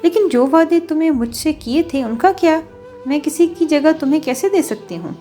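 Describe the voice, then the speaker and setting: A heartbroken young woman in tears from an audio novel, as a woman reader voices her. Her voice sits somewhat high and sounds tearful and pleading. Faint music plays behind. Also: lively intonation, dark tone. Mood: hurt angry. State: crying.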